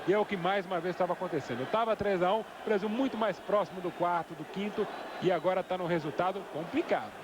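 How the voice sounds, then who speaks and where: A man's voice: high-pitched, fast. A Brazilian man giving live football analysis as co-commentator, explaining his opinions in long asides. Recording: noisy outdoor stadium broadcast. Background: stadium crowd noise.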